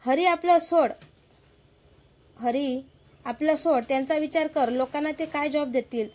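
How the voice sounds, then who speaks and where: An anxious middle-aged mother pleads and soothes, trying to calm her family, played by a woman storyteller. Her voice is high and urgent. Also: a little slow. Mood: pleading.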